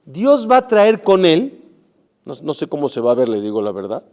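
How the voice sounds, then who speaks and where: A middle-aged rabbi giving a Torah sermon, emphatic, with rhetorical questions and Hebrew terms mixed in. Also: male voice, on the high side, huge pitch swings, moderate pace. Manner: emphatic, rising and dropping loudness, rhetorical questions to the audience; sprinkles Hebrew terms into Spanish.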